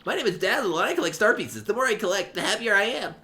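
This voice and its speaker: Man as a lively, high-voiced eager collector. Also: quick pace, heavily acted. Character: eager, chatty star-piece collector, game shop character.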